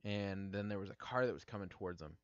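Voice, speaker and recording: A man's voice: fairly low pitch, fast talker, smooth, no echo. A man co-hosting a podcast, retelling a movie in a casual, rambling way with fillers and restarts. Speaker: podcast co-host. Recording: dull lo-fi podcast audio.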